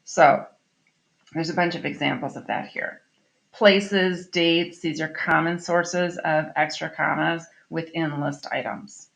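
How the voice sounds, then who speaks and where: A woman's voice: sits low, fairly even intonation, takes it slowly, creaky. A woman teacher giving a recorded grammar lesson to her students, explaining in a chatty way and checking in with "okay?" often. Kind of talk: recorded online class lesson.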